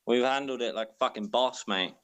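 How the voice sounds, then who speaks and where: A man's voice: mid-range voice, fairly quick, a bit bright, poor audio. A man calling in to a casual chat, blunt, swearing heavily and laughing often. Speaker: guest on a call.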